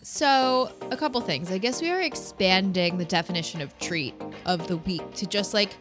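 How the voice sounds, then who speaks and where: A woman's voice: mid-range voice, normal speed, music in the background. A woman co-hosting a podcast in casual chat, chatty and self-deprecating, laughing often. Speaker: podcast co-host.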